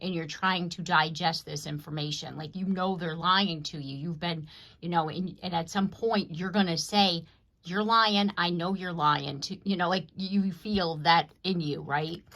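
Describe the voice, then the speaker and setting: Low-pitched woman, tarot reader, casual and rambling, talks straight to her viewers. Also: fairly even intonation, normal speed, a bit bright. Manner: rambling, conversational, frequent "you know what I mean". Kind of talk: casual collective tarot reading to camera.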